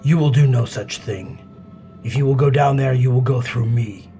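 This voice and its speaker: A man's voice: mid-range voice, animated, normal speed, creaky, faint music behind. A man voicing a defiant warrior in a tabletop game, challenging and menacing. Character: defiant green-bearded axe warrior, a male thrall. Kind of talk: in-character tabletop role-play.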